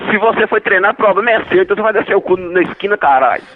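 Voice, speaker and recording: A man's voice: high-pitched, expressive, rapid-fire. A man answering a hotel phone, angry, cursing and threatening the caller. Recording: tinny phone line.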